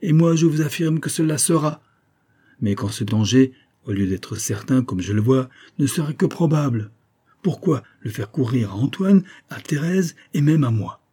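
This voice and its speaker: A man's voice: medium pitch, lively intonation, normal speed, mellow, husky, pitched above the performer's own voice. A man reading an audiobook, voicing an imprisoned colonel who argues earnestly and presses his point. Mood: insistent.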